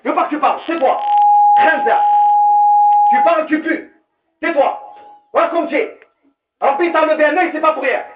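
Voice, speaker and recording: A man's voice: very high-pitched, quick pace, noisy background. A man voicing a resentful teenage boy who is ashamed of his mother and talks down to her with scorn. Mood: contemptuous. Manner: scornful, dismissive. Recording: roomy, distant, dull.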